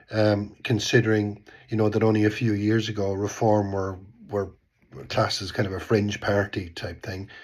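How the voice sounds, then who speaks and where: With a lowish voice and an Irish accent, a vlogger in his fifties talks about politics casually from his home in Bristol. A cold has him stuffed up. His commentary rambles, he repeats words, and he often finishes with "type thing."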